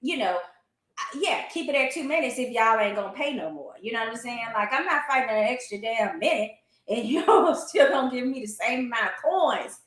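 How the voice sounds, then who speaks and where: A high-pitched woman gives her opinions in a casual boxing discussion. She is emphatic and colloquial in her delivery. The sound is roomy and echoey. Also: lively intonation, a little fast, a bit bright. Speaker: boxing talk show commentator. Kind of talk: animated casual sports discussion.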